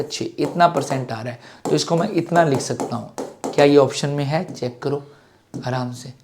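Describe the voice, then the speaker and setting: A man's voice: on the high side, darkish tone, slight background noise. A middle-aged man with a Hindi accent teaching exam-prep maths, slightly sore-throated, asking questions in a student's voice and then answering them himself. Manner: asks and answers his own questions as a student.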